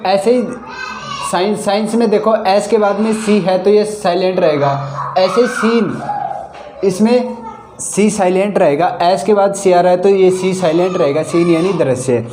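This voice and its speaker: A woman's voice: medium pitch, a little slow, noisy background. A woman teaching a grammar lesson. She spells words out letter by letter, gives the meaning of each one, and repeats her points patiently. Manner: patient, repetitive explaining. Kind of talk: Hindi-medium classroom lesson. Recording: echoey room.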